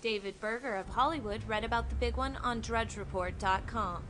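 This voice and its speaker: A woman's voice: a little high, normal speed, noisy background, natural voice. A woman playing an earnest parody news anchor and reporter, narrating with mock-serious drama. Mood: earnest dramatic.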